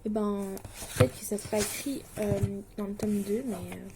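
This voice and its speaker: Against a noisy background, a Swiss teenager in her late teens talks to the camera about her distance-learning studies at a normal speed, her medium-pitched voice level in tone. She comes across as anxious and self-deprecating, hesitating often and using many fillers.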